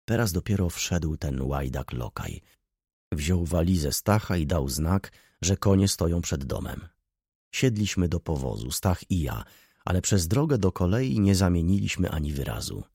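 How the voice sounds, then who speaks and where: A man narrating a classic novel as an audiobook, in a measured, expressive way. His voice is deep and gravelly with a husky grain, and the pitch moves a lot. The recording is close and dry. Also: no room sound.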